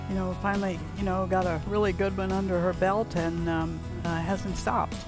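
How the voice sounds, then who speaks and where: Guy golf commentator, high voice, pretty flat delivery, chatty analysis, music loud behind. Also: moderate pace.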